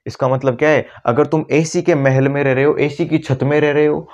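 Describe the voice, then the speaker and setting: A man teaching chemistry at a board, often slowing down to repeat key words and calling his students "beta". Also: fairly high pitch, fairly even intonation, darkish tone, dull audio. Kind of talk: classroom lecture at a board.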